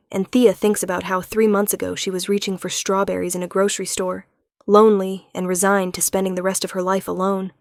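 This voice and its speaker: A woman giving smooth, unhurried scripted narration of a romance story. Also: medium pitch, dry recording, clean studio sound.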